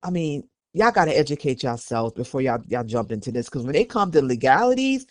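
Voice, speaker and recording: With big pitch swings and a slightly fast pace, this mid-range male voice belongs to an American podcast host. He gives opinionated commentary conversationally, scolding emphatically and repeating phrases for emphasis, in a dry studio recording.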